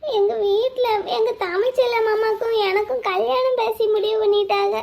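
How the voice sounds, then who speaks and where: A woman's voice: very high voice, steady tone, moderate pace, darkish tone. A woman voicing a naive, tearful young bride-to-be in a cartoon, with a whiny, pleading way of talking.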